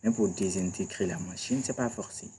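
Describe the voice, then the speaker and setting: A man teaches a screen-recorded computer tutorial in a chatty way, repeatedly checking in with viewers and saying "d'accord" and "voilà" over and over. His low, dark voice moves a little fast, with slight background noise.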